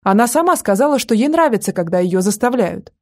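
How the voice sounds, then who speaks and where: A woman's voice: medium pitch, animated, fairly quick, natural voice. A woman reading an audiobook voices a whiny young man with a broken nose, speaking nasally and defensively. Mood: whining. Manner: whining, defensive.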